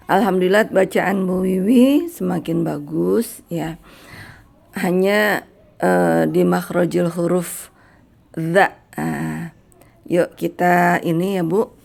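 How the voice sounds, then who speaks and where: Middle-aged woman as a kind, encouraging recitation tutor; slow delivery, slightly low pitch. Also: creaky. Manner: gentle, encouraging, demonstrates sounds slowly. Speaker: Quran recitation teacher. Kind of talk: patient spoken lesson on letter pronunciation.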